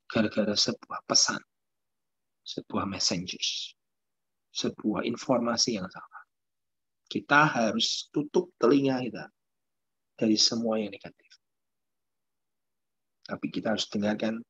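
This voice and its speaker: A man's voice: mid-range voice, slightly rough. A male pastor, preaching a sermon, asking rhetorical questions and answering them himself. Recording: dull lo-fi sound.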